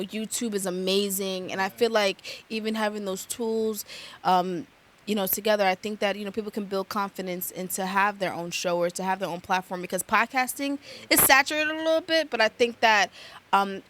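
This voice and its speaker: A woman's voice: mid-range voice, fairly quick, a bit bright. A woman from Long Island with a Long Island accent, a media host chatting as a guest in an interview, full of fillers and restarts. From Long Island, New York. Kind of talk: casual interview chat.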